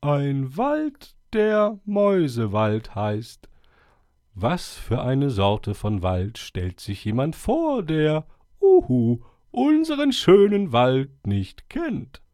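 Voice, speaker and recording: A man's voice: mid-range voice, huge pitch swings, darkish tone, no echo, clean studio sound, pitched above the performer's own voice. Man doing a wise old hooting owl. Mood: pondering. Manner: slow, measured and stately, with hooting calls. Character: wise old male owl chairing a meeting. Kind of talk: storybook character voice.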